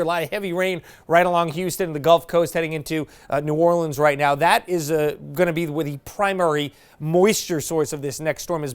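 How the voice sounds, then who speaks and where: A man presenting a TV weather forecast in a chatty, folksy way with casual asides. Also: a little high. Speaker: meteorologist.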